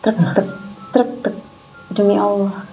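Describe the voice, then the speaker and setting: Telling her story as a guest, a woman relives a scary experience with emotion and casual slang. She speaks a little slowly in a warm, mid-range voice with a level tone, over dull, lo-fi audio and faint music.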